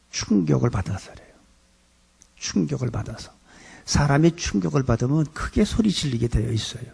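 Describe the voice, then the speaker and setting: A man's voice: medium pitch, vocal fry, mellow, husky. A middle-aged male pastor preaching a sermon in a conversational way, acting out quoted lines in his talk.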